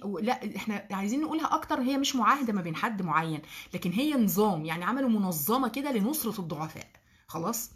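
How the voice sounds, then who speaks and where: A woman with an Egyptian Arabic accent teaching a religious lesson to girls in a lively way, often asking the class questions and explaining terms. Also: mid-range voice, husky.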